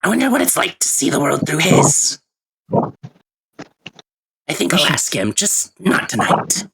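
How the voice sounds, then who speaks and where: A man playing a weary, reflective, gently concerned adventurer in a tabletop game, husky and gravelly, speaking haltingly. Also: a little high, very animated, exaggerated voice, rough recording. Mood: pensive.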